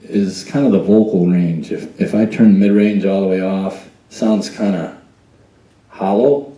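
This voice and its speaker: Indoors in a church sound booth, a man patiently trains someone hands-on at the mixing desk, explaining each step and testing a mic with "check, one, two." His low voice is steady, mellow, and measured. The roomy recording is rough, with the mic at a distance.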